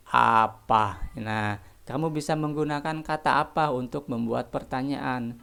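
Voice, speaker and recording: Gravelly-voiced male teacher quizzing his pupils. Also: medium pitch, fairly bright tone. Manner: asks the class questions and answers them himself; keeps addressing the pupils as his children. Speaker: primary school teacher. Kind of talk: recorded distance-learning lesson for children.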